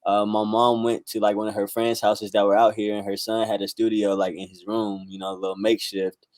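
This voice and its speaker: A musician and rapper in his twenties from the United States, with ties to South Carolina and Northern California, gives a casual, rambling interview full of slang and constant "you know" and "like." His fairly low voice is level, slightly fast and a little mellow, recorded dry.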